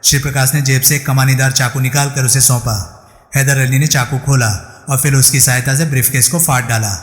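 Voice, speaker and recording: Brief: male audiobook narrator for a crime novel, steady telling, reverberant room. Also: medium pitch, a little fast. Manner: steady storytelling. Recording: echoey room with long reverb.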